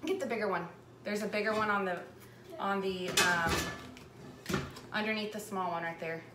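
A woman's voice: mid-range voice, fairly even intonation, moderate pace. A woman, hosting a live cooking demonstration in her home kitchen, chatting and rambling as she works. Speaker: cooking show host. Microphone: camera mic at a distance across the counter. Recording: echoey kitchen with background noise.

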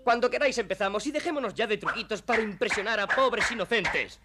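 A man's voice: high-pitched, fast, over loud music. An actor voicing a hot-headed young male dog musketeer in a dubbed cartoon, bold and challenging. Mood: defiant.

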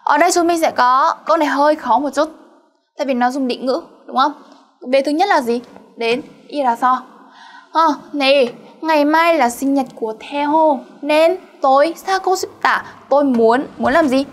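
A woman's voice: sits high, normal speed. A woman teaching a grammar lesson, explaining step by step and checking in with her students through frequent questions. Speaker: Korean language teacher.

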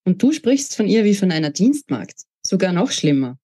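A woman's voice: lowish voice, big pitch swings, moderate pace, mellow, slightly rough. A woman voicing a spiteful, scornful young woman in a read-aloud novel, talking in a mocking, sneering way.

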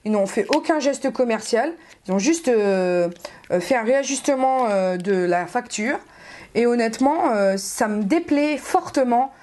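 A woman beauty vlogger chats through a makeup haul in a slightly high voice. She is expressive and loose-tongued and drops the odd swear word. When she gets riled up, she stumbles and repeats her words. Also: a little slow. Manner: chatty and expressive, swears casually. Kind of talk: casual makeup haul video.

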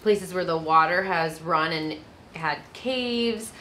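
A woman in her thirties chatting casually as a travel vlogger, seated outdoors beside a camper with a relaxed, friendly manner. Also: on the low side, slow pace, a little hiss or hum. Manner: relaxed, friendly, with easy laughs.

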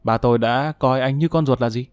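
A man's voice: mid-range voice, brisk, clear, resonant tone, no room sound, clean studio sound, natural voice. A man voicing a bitter young wife who speaks to her jailed husband in a scornful, cutting way.

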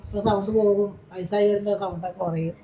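An older woman, the mother of the family, answering in short, soft-spoken replies during a casual family chat. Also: mid-range voice, fairly even intonation, fast, slightly rough, low-quality recording. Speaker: vloggers' mother.

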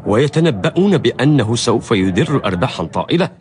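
A man's voice: mid-range voice, sing-song, fast talker, darkish tone, close to an everyday voice. An actor playing a cautious, fearful townsman in a historical radio drama, admonishing in formal Arabic. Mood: cautioning. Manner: admonishing, wary. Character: cautious, fearful male friend urging silence.

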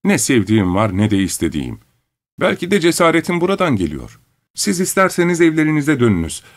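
Man doing a raised, lively voice, calm unmarried woman of 37, steady, unbothered, audiobook. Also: on the high side, fairly quick, voice pushed up. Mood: calm, dismissive. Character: calm, sober 37-year-old unmarried woman. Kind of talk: audiobook character reading.

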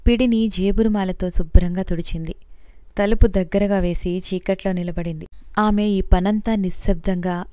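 A woman narrating an audio novel in a steady, measured storytelling style. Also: on the low side, no room sound. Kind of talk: scripted narration.

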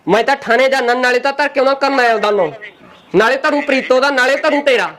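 A man playing an aggrieved, tipsy, henpecked village man who complains without pause. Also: extremely high pitch, crowd noise. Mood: whining. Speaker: comic village character. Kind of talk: rural comedy sketch.

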